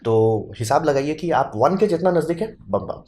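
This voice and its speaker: A man's voice: a little high, expressive, moderate pace, dark tone. Chatty man explaining science. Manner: chatty, playful, uses homely comparisons and voices. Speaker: science educator. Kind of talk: casual explainer lesson.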